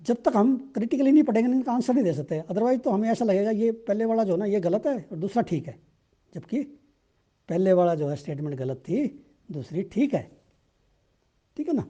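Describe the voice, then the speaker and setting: Dark-voiced Indian man teaching exam prep. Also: high-pitched, animated, a little fast, highs cut off. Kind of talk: explaining current-affairs exam questions.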